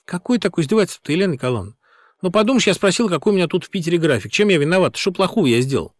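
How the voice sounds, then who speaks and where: A man's voice: high-pitched, animated, very fast, dry recording, studio quality, pitched above the performer's own voice. A man doing a sly teasing young chauffeur. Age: young adult. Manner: cheerfully needling, feigned innocence.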